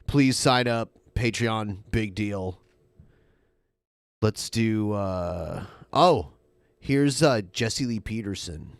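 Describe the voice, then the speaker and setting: A man's voice: fairly low pitch, very slow, vocal fry, clear, resonant tone, dry recording. A man hosting a show in casual, off-the-cuff talk. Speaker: show host.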